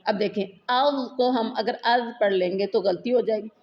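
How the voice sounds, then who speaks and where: A woman with a Pakistani Urdu accent, a Quran recitation teacher, patiently explaining letters step by step and drawing each sound out for students to copy. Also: on the high side. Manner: repeats Arabic letters slowly for students to copy. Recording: dull lo-fi sound.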